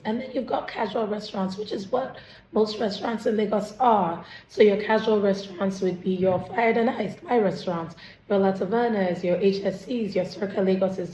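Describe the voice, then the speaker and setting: Woman chef, hoarse voice, casual explainer, roomy recording. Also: medium pitch, warm tone, slight background noise. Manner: candid, listing examples quickly. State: hoarse, lost voice. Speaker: chef and restaurant owner. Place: restaurant during dinner service.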